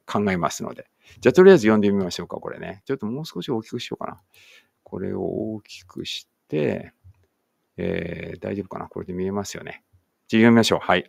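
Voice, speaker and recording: A man's voice: deep voice, vocal fry, dry recording, studio quality. A man teaching an online English writing lesson, thinking aloud as he types and chatting encouragingly to students.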